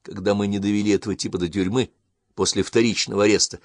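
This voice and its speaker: Male narrator, historical novel audiobook, low voice, dry close sound. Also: steady tone, fast talker, no echo.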